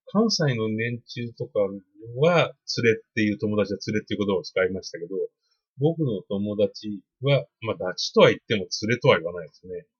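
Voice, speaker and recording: A man's voice: fairly low pitch, slightly rough, lo-fi sound. A middle-aged man talking casually and politely about marketing, explaining at length with many fillers. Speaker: podcast host on email marketing. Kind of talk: casual spoken advice monologue.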